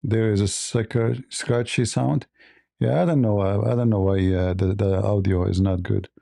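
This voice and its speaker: A man hosting a livestream debate, raspy and mocking, halting with many fillers. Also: lowish voice, steady tone, dark tone, no room sound, clean studio sound. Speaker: host.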